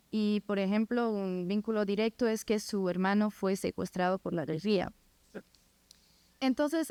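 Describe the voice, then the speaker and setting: With a French accent, a non-native-speaking master's student from France, in her twenties, delivers a prepared academic presentation on her research. Her voice is medium in pitch, darkish and clean, with no echo.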